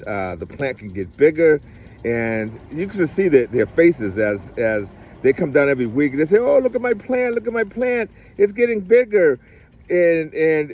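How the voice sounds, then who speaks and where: Rambling man touring a garden. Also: medium pitch. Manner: rambling, warm-hearted, many fillers and restarts. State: getting rained on. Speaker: garden mentor to youth. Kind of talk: casual outdoor garden vlog. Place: outdoor garden.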